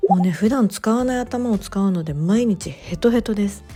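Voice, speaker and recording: A woman narrating her vlog in a relaxed voice-over, chatty and gently enthusiastic, with soft fillers. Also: medium pitch, moderate pace, breathy edge, soft background music. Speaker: bookstore owner vlogger.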